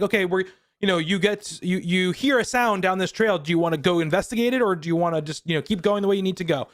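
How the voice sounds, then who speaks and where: A man's voice: high voice, a bit bright. A man co-hosting a games podcast, talking in a casual, rambling way with lots of ums and restarts. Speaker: podcast co-host. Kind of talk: casual chat.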